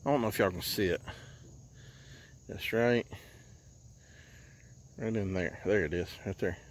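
A man, chatting casually while fishing from an outdoor lake dock, recorded on a handheld phone and often talking low and hushed. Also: unhurried, slight background noise. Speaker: fishing vlogger. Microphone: handheld phone camera.

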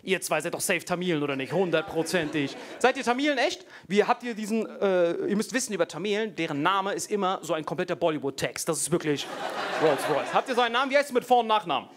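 Animated male comedian, lively high voice. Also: fast. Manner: slangy, animated, addresses the crowd. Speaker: stand-up comedian. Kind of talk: stand-up comedy set. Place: comedy stage before a live audience.

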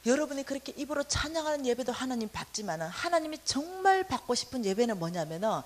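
A woman preaches a sermon in a fairly high, lively voice that swoops up and down. She tells her stories with animation and slips into quoted characters as she goes. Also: fast talker. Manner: animated storytelling, acting out quotes.

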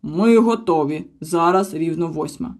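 Lady voicing an excited young troll kid, all exclaiming. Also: sits low, unhurried. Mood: lively. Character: young male troll, eager and indignant.

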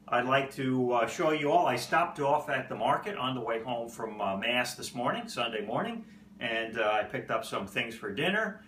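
An older man who casually demonstrates breakfast in his home kitchen, talking in a relaxed, chatty way with many "uh" fillers. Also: mid-range voice. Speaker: pipe-smoking home cooking vlogger. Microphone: phone or camera on the table. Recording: roomy kitchen echo, faint background hum.

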